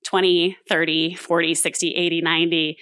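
A woman's voice: on the low side, level tone, moderate pace, bright, forceful tone. A woman in her thirties from Southern California, telling a true story on stage in a candid, self-deprecating way with frequent fillers. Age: 30s. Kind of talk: live true-story monologue.

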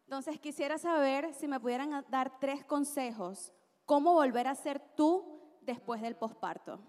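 A woman's voice: high-pitched, a little slow, darkish tone. A woman in the audience at a live podcast, asking an earnest, slightly hesitant question. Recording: reverberant live venue.

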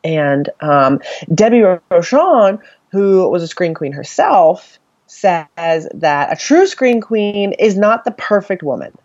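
Lively low-voiced woman podcast co-host. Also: slow pace, no room sound, highs cut off. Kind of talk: casual podcast talk from notes.

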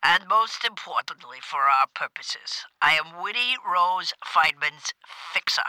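A man's voice: fairly high pitch, expressive, unhurried, pushed and bright, full character voice, rough recording. An actor playing a pushy, indignant man who runs a community theater, calling in to a comedy show with a theatrical, pompous manner. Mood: sly. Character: pushy older male theater-owner fixer, indignant. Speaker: comedy phone caller. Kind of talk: improvised comedy call-in.

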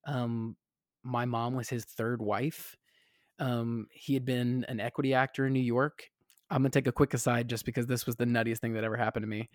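A man's voice: medium pitch, little pitch movement, normal speed, no echo. Southern-raised man, casual rambling storyteller, restarts a lot, dry close sound. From American South. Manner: rambling with many fillers and restarts.

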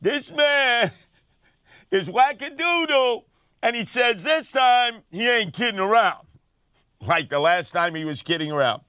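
Older New man, comic talk host, sarcastic and brash, bright edgy tone. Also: very high-pitched, expressive, a little slow, clear, resonant tone, dry recording, clean studio sound. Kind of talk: comic talk radio monologue.

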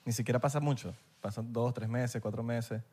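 A man with a Venezuelan accent hosting a casual podcast chat, with teasing, quick banter. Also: mid-range voice, fairly even intonation, darkish tone.

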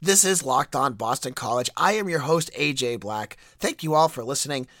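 A man's voice: lively intonation, moderate pace, a bit bright, no echo, studio quality, soft background music. Congested male podcast host with a stuffy nose. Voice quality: voice squeaks and cracks a little. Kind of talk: solo sports podcast commentary.

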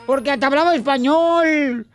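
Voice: high voice, moderate pace, natural voice. A performer voicing a tearful, whiny divorced man who tells jokes between sobs in a comedy radio sketch, with music behind. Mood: lovesick. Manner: whiny, tearful joke-telling. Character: weepy lovesick divorced man telling jokes.

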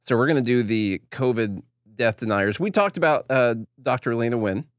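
Man, medium pitch, casual opinionated commentary, blunt, informal, dry close microphone. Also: lively intonation, fairly quick, dry recording. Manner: blunt, informal, acts out quoted dialogue. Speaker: talk show co-host.

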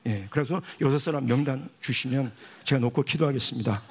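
A man's voice: mid-range voice, brisk, breathy edge. A male missionary pastor preaching a sermon, telling a funny story and acting out the dialogue. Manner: animated storyteller who acts out dialogue. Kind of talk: sermon with humorous anecdote.

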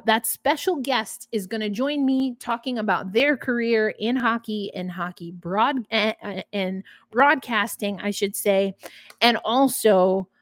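A woman's voice: a little high, no echo. Upbeat woman host with a New York accent. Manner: chatty, upbeat, animated. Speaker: podcast host. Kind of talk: casual hockey podcast talk.

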